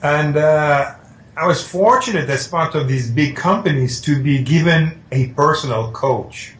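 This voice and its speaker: A man's voice: fairly high pitch, a little slow. A middle-aged man from Switzerland, a painter being interviewed, telling his story with hesitations and restarts. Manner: hesitant, with restarts, recounting calmly. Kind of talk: conversational interview. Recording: echoey room.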